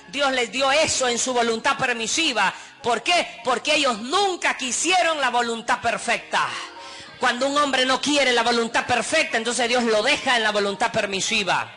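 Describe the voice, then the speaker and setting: A passionate Honduran preacher with a very high, piercing, bright voice. He drives his sermon forward and repeats pleading phrases to act them out. Faint music plays softly under his voice. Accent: Honduran Spanish. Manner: impassioned preaching, acts out pleading voices with repetition. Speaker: pastor.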